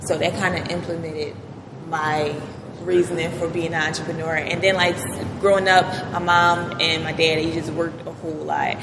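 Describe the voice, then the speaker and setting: A young woman, her voice a little low for a woman, talks through her answers with frequent "um"s. The room is echoey with a long tail and clear background hum. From West Philadelphia. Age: 20s. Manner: relaxed, hesitant with many "um"s. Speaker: business owner guest. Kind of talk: casual interview answers.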